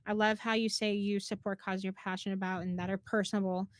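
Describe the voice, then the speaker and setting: An upbeat woman hosts a relaxed interview, eager and quick to laugh. Her voice sits at a middle pitch and sounds dry and close, with no room around it. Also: no echo. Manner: upbeat, enthusiastic, laughs often. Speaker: interview host. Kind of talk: casual interview chat.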